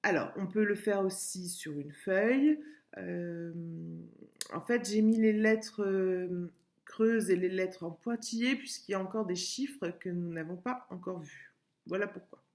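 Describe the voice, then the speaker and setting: A woman schoolteacher giving a recorded lesson to young pupils, patient and clear, repeating words and sounding out syllables. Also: medium pitch, measured pace, darkish tone. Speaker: primary school teacher. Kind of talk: remote classroom lesson video.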